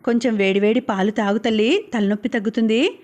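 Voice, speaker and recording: Soft worried young mom in a storybook, read by a woman, kinda high voice. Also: a little fast, lightly acted. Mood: tender. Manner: soft, tender and coaxing. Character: caring young mother, gentle and anxious.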